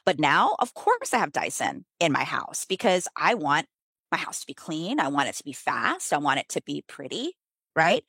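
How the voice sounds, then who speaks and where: Brief: middle-aged American businesswoman, low voice, animated and chatty, dry close sound. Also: moderate pace, husky, no echo. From United States. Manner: animated, filler-heavy, emphatic pitch jumps. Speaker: guest, business author. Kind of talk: casual conversational interview.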